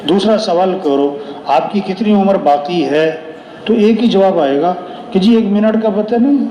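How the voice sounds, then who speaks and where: A male preacher with a high-pitched voice delivers a sermon of moral counsel and storytelling, speaking unhurriedly in a warm tone. He repeats phrases for emphasis and poses rhetorical questions that he then answers. The lo-fi recording has an echoey, reverberant room sound.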